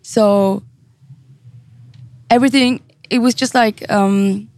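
A woman's voice: mid-range voice, fairly even intonation, slow pace, a little mellow. A woman, a singer talking casually as an interview guest, with many fillers and restarts. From Switzerland. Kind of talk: casual chat.

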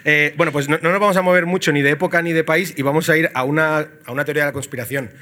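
Quick man with bright tone. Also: a little high, steady tone. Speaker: podcast co-host. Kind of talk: casual comedic chat.

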